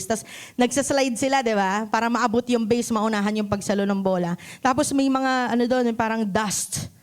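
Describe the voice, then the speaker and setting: A woman pastor with a Filipino accent preaching a sermon in a church on a handheld mic, often checking in with the congregation and acting out quotes. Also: medium pitch. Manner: asks the congregation questions often; acts out quotes in voices. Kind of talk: Taglish sermon.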